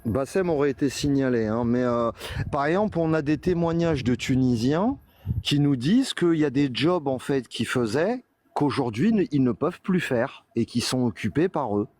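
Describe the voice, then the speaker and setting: A man's voice: mid-range voice, lively intonation, moderate pace, darkish tone, dry recording. A man on a live debate panel, explaining his points hesitantly and in an analytical way. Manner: argues with figures and sources, many hesitations.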